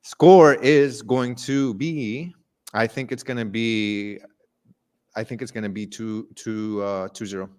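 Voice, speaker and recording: A man's voice: fairly low pitch, steady tone, slow pace, a little mellow, smooth. A man, co-hosting a casual sports live stream, emphatic and confident, often repeating words as he builds a point. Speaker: sports show co-host.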